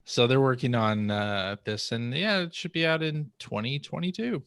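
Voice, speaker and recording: A man's voice: medium pitch, moderate pace, a bit bright, smooth, no echo, studio quality. A man hosting a podcast, reading out news items in casual chat. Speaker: podcast host.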